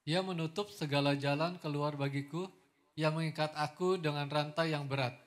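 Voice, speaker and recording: A man reading scripture aloud during a sermon at a steady, measured pace. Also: a little high. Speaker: scripture reader.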